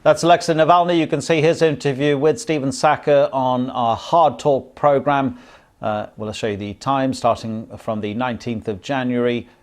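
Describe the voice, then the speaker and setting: A man's voice: mid-range voice, fairly even intonation, normal speed. A man presenting television news, introducing and closing a report as the programme's presenter.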